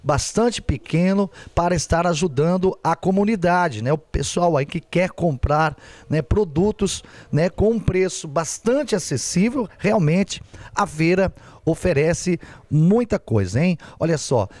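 A man's voice: fairly high pitch, a little mellow, no echo. A man in his forties with a Brazilian Portuguese accent, reporting for local TV news from an indoor bazaar on a handheld mic, chatty and always pointing things out. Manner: chatty, keeps pointing things out with "olha aqui" and "né". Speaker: field reporter. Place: large indoor charity bazaar hall.

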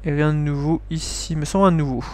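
A man's voice: on the high side, fairly even intonation, a little fast, a little mellow. A man reading game text aloud and chatting casually over his playthrough, swearing at his slip-ups. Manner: chatty, swears when he slips up. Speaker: let's play host.

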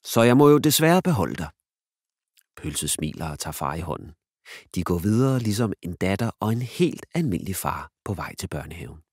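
A man reading a children's storybook aloud, clear and animated. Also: deep voice, no echo, studio quality. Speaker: narrator.

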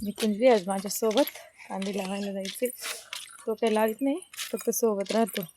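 A woman's voice: medium pitch, normal speed, noisy background. A woman, chatting matter-of-factly through a casual farm vlog, recorded outdoors on a phone. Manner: chatty, matter-of-fact, talks to her child while walking. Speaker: vlogger, farm mother.

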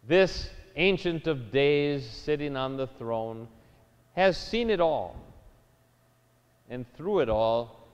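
Slow-preaching pastor, man in a church. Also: medium pitch, expressive, clear, resonant tone. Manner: slow, measured preaching with emphatic rises. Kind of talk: sermon. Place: church sanctuary. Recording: dull lo-fi church recording with long reverb.

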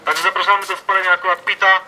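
A man's voice: high voice, little pitch movement, rapid-fire, pushed and bright, a little hiss or hum. Man announcing through a megaphone. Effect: speaking through a megaphone. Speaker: political activist announcing a street protest. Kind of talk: public announcement to passers-by. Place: outdoors by an office building.

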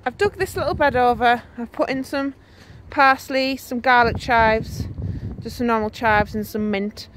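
A woman's voice: on the high side, unhurried. A middle-aged woman, chatting casually as she films a walking tour of her allotment garden. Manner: chatty, points things out as she walks. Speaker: vlogger. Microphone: handheld phone camera. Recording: loud wind and outdoor noise.

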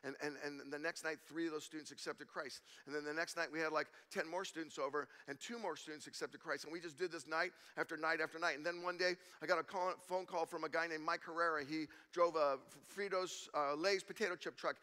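Male pastor, middle-aged, bright forceful voice, slightly high, lively sermon storytelling, long church reverb. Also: brisk, few pauses. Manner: animated storyteller, acts out quoted voices. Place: church sanctuary.

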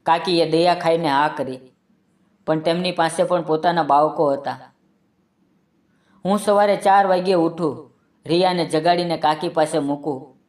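A man's voice: on the high side, steady tone, moderate pace, pauses often, recorded from a distance. A man reading a scripted emotional story aloud in the first person, with earnest, dramatic delivery.

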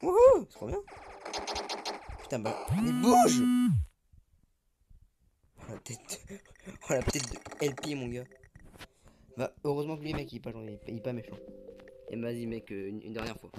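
A young man giving jittery, excitable commentary while playing a horror game, swearing when startled. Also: medium pitch, fairly quick, music in the background. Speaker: gaming YouTuber. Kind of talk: live gameplay commentary.

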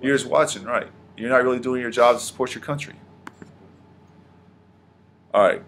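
A man teaching a class, his voice pitched in a middle range. He keeps putting questions to the students and repeating what they answer. A faint hum of room noise sits behind him. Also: moderate pace, a bit bright. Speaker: history teacher. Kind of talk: classroom lesson.

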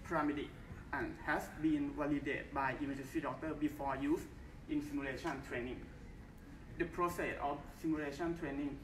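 A young Thai man with a voice on the high side gives a formal research presentation at a conference in a large, bright hall. His English is careful and halting, with simple phrasing. He's recorded without a mic by a far-off camera, so the sound is echoey with faint hiss.

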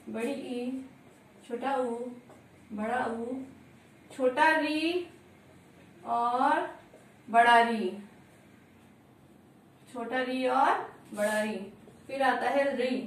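High-pitched lady teacher going over a lesson, repeats stuff, very echoey room, mic far away. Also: a little hiss or hum. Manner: repeats points, asks and answers her own questions. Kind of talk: classroom grammar lesson.

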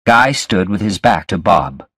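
Slow, deliberate male story reader. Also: sits low, animated, vocal fry, fairly bright tone, slightly rough, no room sound. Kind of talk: scripted story narration for learners.

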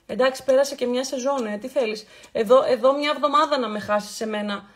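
A chatty woman hosts a live skincare stream in a fairly high voice. She is warm toward her viewers and greets them by name. She plays with repeated words to build up emphasis. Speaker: beauty livestream host. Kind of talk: casual live skincare chat.

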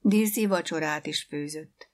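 A woman reading a literary short story aloud in a calm, measured narrating voice. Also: low voice.

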